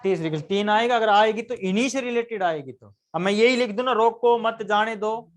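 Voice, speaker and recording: A man's voice: high voice, quick pace. A man teaching a live grammar lesson, constantly quizzing his students with questions and answering them himself.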